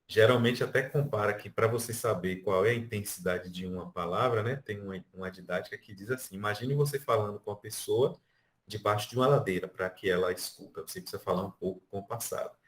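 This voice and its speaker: A man's voice: on the low side, brisk. A Brazilian man teaching an online music class, explaining by counting beats and stretching out syllables. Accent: Brazilian Portuguese. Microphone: video call.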